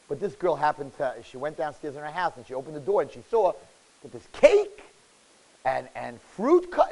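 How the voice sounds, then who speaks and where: A man from New York, a rabbi giving an animated sermon, telling stories and swinging between loud outbursts and hushed asides. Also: on the high side, poor audio. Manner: expressive, acts out characters' words.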